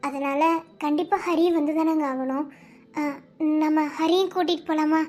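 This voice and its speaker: A woman voicing a calm young sister-in-law in a cartoon, talking softly and gently reasoning. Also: high voice, normal speed, soft background music, natural voice. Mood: gentle.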